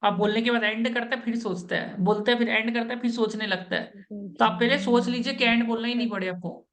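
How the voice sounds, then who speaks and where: A woman with a fairly high voice and an Indian accent coaches a job candidate in Hindi. She repeats her points over and over in a casual, instructive way and laughs often. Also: steady tone, fast talker. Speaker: interview coach.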